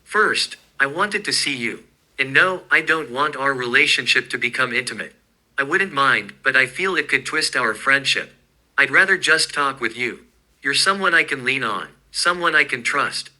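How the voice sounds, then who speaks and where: A man's voice: mid-range voice, lively intonation, normal speed, pushed and bright, rough recording. A man voicing a wealthy, thoughtful inventor who talks in a dry, probing way. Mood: earnest.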